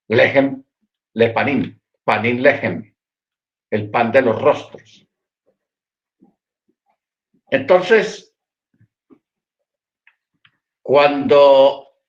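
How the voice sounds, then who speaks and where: A man's voice: medium pitch, a bit bright. A man teaching a Bible study in a storytelling way, often repeating words as he searches for them. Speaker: Messianic Torah teacher. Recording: dull, lo-fi internet stream.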